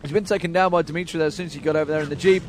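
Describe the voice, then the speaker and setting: Fast high-voiced male game commentator. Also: steady tone, a little hiss or hum. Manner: rapid play-by-play, chuckles often. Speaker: esports commentator. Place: noisy LAN event hall.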